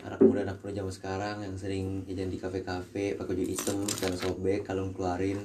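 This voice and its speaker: A man's voice: sits low, completely flat delivery, fast, very noisy. A young man with a slurred r, chatting casually and crudely as a podcast host over music. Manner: lisp that slurs the r sound; crude, swearing banter. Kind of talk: casual joking chat. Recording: music playing behind the voice.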